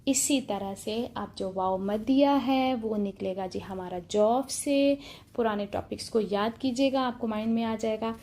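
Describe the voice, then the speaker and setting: A woman with a somewhat high voice gives a recitation lesson. She explains step by step in a calm, patient way and repeats the main points for her students. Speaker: Quran recitation teacher. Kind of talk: online tajweed lesson.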